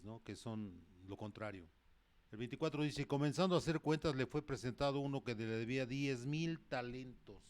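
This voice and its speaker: A man preaching a sermon, reading Bible verses and explaining them in plain asides, often stopping to correct himself. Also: lowish voice. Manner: reads scripture with rising emphasis and loudness.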